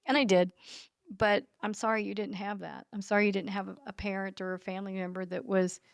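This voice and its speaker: A woman's voice: medium pitch, fairly even intonation, fairly quick, gravelly, no echo. A woman hosting a podcast interview, telling personal stories in a heartfelt, emotional way. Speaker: podcast host.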